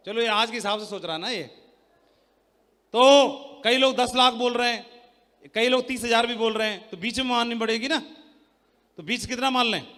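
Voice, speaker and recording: A man giving a motivational sales talk on a handheld mic to a live audience, loud and teasing, quizzing the crowd. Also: extremely high pitch, moderate pace, long pauses, big-room sound. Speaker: seminar speaker. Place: large hall with an audience.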